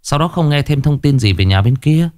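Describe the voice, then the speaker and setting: A man narrating a horror story in a lively, expressive reading. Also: on the high side, fairly quick, no echo, clean studio sound.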